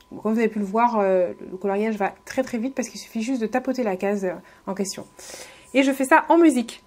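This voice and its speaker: A woman giving a casual beauty tutorial voice-over, friendly and hesitant, with many fillers and restarts. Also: medium pitch. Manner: friendly, addresses viewers directly. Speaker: beauty vlogger.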